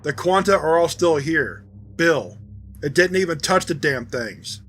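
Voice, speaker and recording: A man's voice: on the high side, animated, a little slow, a bit bright, slight background noise. A man voicing a skeptical, hesitant male security agent in a dramatized audio log. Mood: doubtful.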